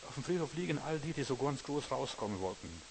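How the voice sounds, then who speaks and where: A man preaches a sermon in a folksy, conversational way. He keeps checking in with the listener, asking whether they know and understand. His voice sits at an ordinary pitch, with a faint hiss behind it. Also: lively intonation, fast, gravelly.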